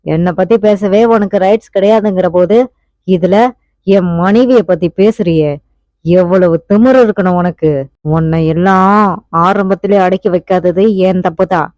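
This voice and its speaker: A woman's voice: on the low side, unhurried, darkish tone, no room sound, close to an everyday voice. A woman voicing a desperate young husband. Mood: commanding, angry. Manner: pleading then commanding. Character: anguished young husband, fierce when roused. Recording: dull, muffled audiobook recording.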